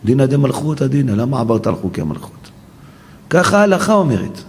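Guy preaching, super expressive pitch swings, gravelly, echoey hall. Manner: animated, emotional storytelling. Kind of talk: sermon.

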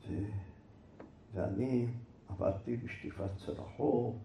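Figure: a man doing a calm, gentle husband. Sex: man. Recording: echoey room, faint noise. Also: medium pitch, natural voice. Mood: soothing. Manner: soft, soothing, slow. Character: calm gentle husband reading a letter kindly.

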